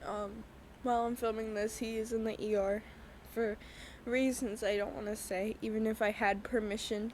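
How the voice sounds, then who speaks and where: A young woman speaks alone into a podcast mic while crying, her slightly high voice breaking into halting, apologetic phrases. A faint background hum sits under her words. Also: a little mellow, poor audio. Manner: halting, apologetic, tearful with many pauses. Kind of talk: personal podcast monologue.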